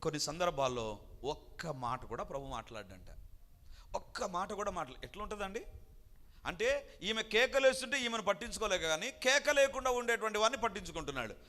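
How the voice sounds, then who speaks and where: A man preaching a sermon with a high, bright voice that swings widely in pitch. He talks emphatically and acts out the people in the story. His voice rings with long reverb. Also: animated, fairly quick. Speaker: pastor.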